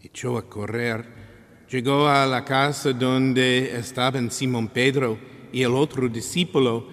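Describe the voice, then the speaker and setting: A man reading scripture as a priest, in a solemn, measured and deliberate liturgical manner with pauses. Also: medium pitch, steady tone, a bit bright. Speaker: priest reading the Gospel at Mass. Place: large reverberant church. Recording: long church-like reverberation.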